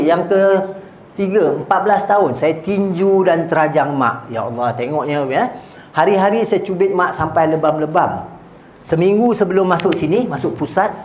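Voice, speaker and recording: A man giving a religious talk to young people, often stopping to ask the audience "ya?". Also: fairly high pitch. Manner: exhorting, often asks the audience "ya?". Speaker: religious speaker. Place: Islamic hall. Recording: echoey hall with faint noise.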